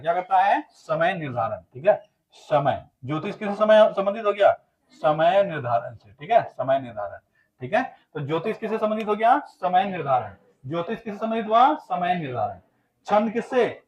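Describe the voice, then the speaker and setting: A man's voice: high-pitched, big pitch swings, moderate pace, dull audio. A man from Bihar, teaching an exam-prep class and drilling students with repeated questions and answers. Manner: chants answers in a loud, laughing sing-song.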